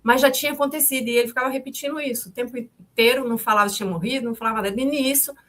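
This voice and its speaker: A woman's voice: on the high side, very fast, fairly bright tone. A woman in her fifties, the mother of the victim, recounting events in a testimony. She speaks hesitantly, repeats herself and restarts often, and calls her own way of talking harsh.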